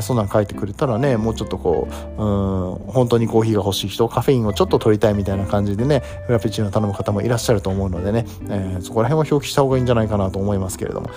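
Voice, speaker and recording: A man's voice: lowish voice, very fast, few pauses, music in the background. A man giving casual commentary as he reads an article aloud, reacting with surprise and thinking aloud as he goes.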